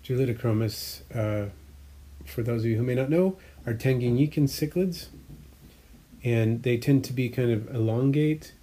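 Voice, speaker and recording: Here a man speaks at a moderate pace with a medium pitch and a dark tone. He's an aquarium hobbyist vlogger casually describing his fish tanks, rambling, self-correcting, using frequent fillers and giving explanatory hobbyist detail.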